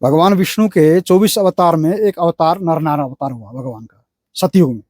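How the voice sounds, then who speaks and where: A man's voice: on the high side, moderate pace, a little mellow, no echo, studio quality. A man speaking as a religious guide, explaining sacred lore.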